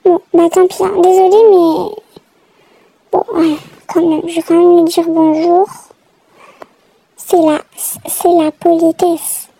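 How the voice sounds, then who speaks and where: A woman's voice: extremely high pitch, level tone, slow, creaky, long pauses, mellow, low-quality recording. A woman giving chatty, exasperated running commentary while she plays a game. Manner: chatty, reacting aloud, exasperated. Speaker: gamer narrating her play.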